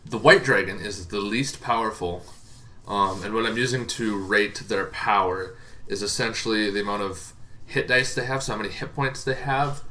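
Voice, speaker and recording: Here a fairly low-pitched man with a sharp tone rambles informally through tabletop gaming lore as the host of a show, giving viewers a casual explainer.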